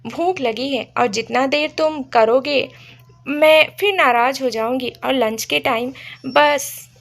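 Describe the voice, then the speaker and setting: A woman's voice: high voice, slow, vocal fry, a bit bright, exaggerated voice. A woman voicing a young female employee who pouts and complains teasingly about her boss. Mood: sulky. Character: sulky playful young office employee woman.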